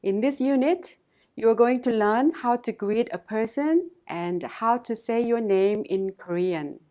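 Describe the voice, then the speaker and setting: A woman teacher giving a scripted language lesson in a measured, instructive way, pausing to model phrases for listeners to repeat. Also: on the high side, dark tone.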